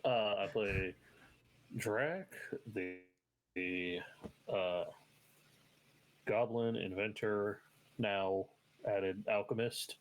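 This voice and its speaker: A man playing in a tabletop game stream, chatting casually and tossing in quick jokes. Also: fairly low pitch, rough recording. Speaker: player.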